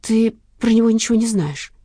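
A woman's voice: fairly low pitch, moderate pace, warm tone, husky, no room sound, studio quality. A woman voicing a frightened but stubborn young woman who answers back defensively in an audiobook. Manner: defensive, indignant.

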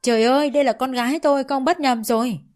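A woman's voice: on the high side, normal speed, soft background music, natural voice. A woman reading as a desperate pleading mother. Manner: pleading, begging. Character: desperate middle-aged mother pleading with police.

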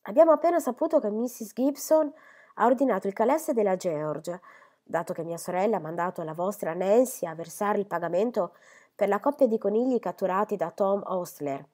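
A woman voicing a flustered, chatty middle-aged spinster who talks in high, gushing bursts. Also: fairly quick, darkish tone, close to an everyday voice. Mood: chattering. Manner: gushing, high, breathless apologies.

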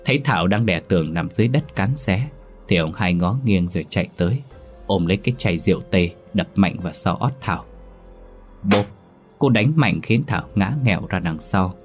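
A male storyteller reading a ghost story aloud in a steady, dramatic manner. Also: sits low, normal speed, soft background music. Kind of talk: scripted horror story narration.

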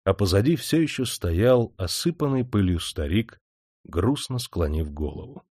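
A man narrating an audiobook in a measured, expressive storytelling manner. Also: fairly low pitch, breathy edge, no room sound, clean studio sound.

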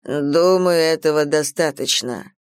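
A woman voicing a cold, commanding male primordial god of death in an audiobook, speaking low, slow and curt. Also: clear, resonant tone, no echo, clean studio sound.

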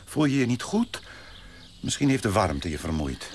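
A pompous prim suitor. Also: male voice, sing-song, moderate pace, noisy background. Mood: fussy. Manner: pompous, indignant, swoops high when shocked. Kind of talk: radio play acting.

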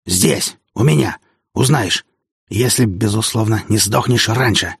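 A man narrating an audiobook, voicing a hoarse male caller who shouts threats down the phone. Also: lowish voice, measured pace, dry recording, clean studio sound, full character voice. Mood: menacing.

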